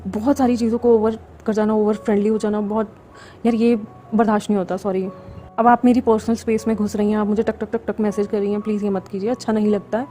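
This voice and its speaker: A woman's voice: mid-range voice, warm tone, slight background noise. Exasperated woman channel host. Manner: frank and exasperated, scolding a pushy fan. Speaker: channel host and story narrator. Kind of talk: casual direct address to viewers.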